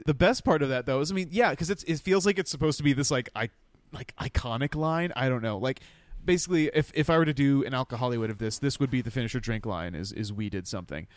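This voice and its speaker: A man's voice: mid-range voice, fast, dry recording. A man co-hosting a casual movie commentary chat, joking and acting out lines. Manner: joking, animated, acts out lines. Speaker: podcast co-host.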